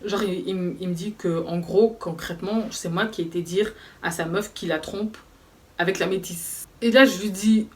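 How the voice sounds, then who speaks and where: A young woman telling a story from her life in a casual, lively way, talking straight to her viewers. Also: lowish voice, moderate pace, distant mic. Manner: lively, animated, conversational, addresses viewers directly. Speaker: vlogger.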